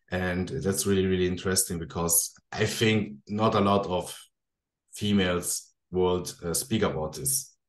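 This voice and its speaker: A man hosting a podcast interview, asking friendly questions in English with frequent hesitations and restarts. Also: on the low side. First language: German. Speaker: podcast host. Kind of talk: casual interview chat. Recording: echoey room.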